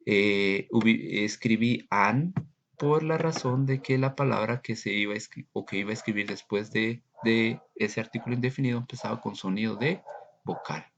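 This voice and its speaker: A man teaching English grammar in a recorded lesson, slowly and patiently explaining and repeating examples. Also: on the low side, fairly bright tone, dull audio, a little hiss or hum.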